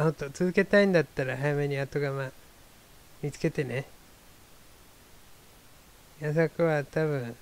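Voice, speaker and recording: A man's voice: mid-range voice, a little hiss or hum. A man hosting his own talk show, musing in a wry, rambling, self-deprecating casual monologue. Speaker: solo talk show host.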